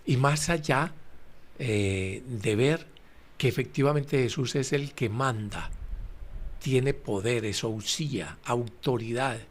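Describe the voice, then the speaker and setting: A man's voice: medium pitch, a little hiss or hum. A man talks through a gospel reading in an easy, explanatory way. He leans on fillers and repeats phrases for emphasis, turning often to address his listeners directly. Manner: explains slowly, with frequent fillers and repetitions. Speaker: Bible study presenter. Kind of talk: conversational gospel commentary.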